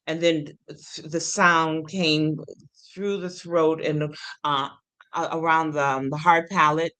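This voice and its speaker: A woman's voice: deep voice, slow pace. A woman in her sixties with a lateral lisp, an occupational therapist and singer telling stories in a casual interview, with lots of ums. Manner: animated storyteller with many ums, acts out quotes.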